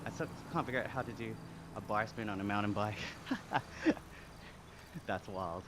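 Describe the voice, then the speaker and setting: A young Australian man from Sydney chatting casually on a live stream, relaxed and talkative as he reads and answers chat. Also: on the low side, unhurried. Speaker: livestreamer. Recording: clear background noise with insects.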